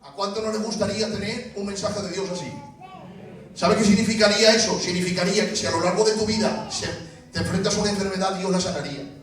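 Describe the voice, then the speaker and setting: A man with a Spanish accent preaching a sermon as pastor, building to shouts and acting out short dialogues. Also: high voice, steady tone, fast talker. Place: church. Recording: echoey church hall from far off.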